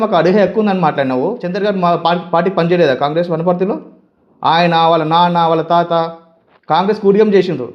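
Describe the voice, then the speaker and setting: A man with a Telangana Telugu accent rips through an angry political statement at a rapid clip. His voice sits high and strained as he scolds with question after question. The recording is dull and lo-fi. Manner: heated, scolding, rhetorical questions. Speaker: youth leader of a community association.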